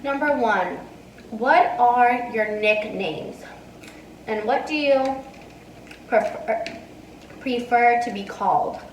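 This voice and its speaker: Between mouthfuls in an indoor dining room, a mukbang vlogger in her twenties casually responds to viewer questions, phone in hand and earphone mic in use. Her voice is a bit high, her pace slow with frequent pauses, and the rough recording is reverberant and distant with a little hiss or hum.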